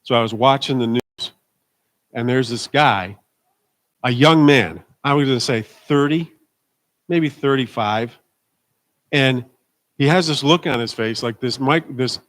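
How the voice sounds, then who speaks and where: A man's voice: mid-range voice, unhurried, pauses often, a bit bright. A middle-aged man, a pastor, giving an informal, conversational sermon at a church service, emphatic and calling for amens. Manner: emphatic, asks the congregation for amens.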